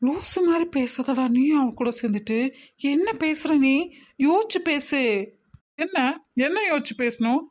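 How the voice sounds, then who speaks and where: A woman's voice: high voice, expressive, a little slow, darkish tone. A woman voicing a bossy, scolding adult woman in a cartoon family drama, emphatic and full of rhetorical questions. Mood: pleading. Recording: slightly muffled recording.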